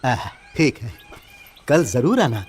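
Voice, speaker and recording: A man voicing a rough, hot-tempered villager with blunt rustic speech. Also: mid-range voice, sing-song, slow pace, big-room sound. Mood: friendly.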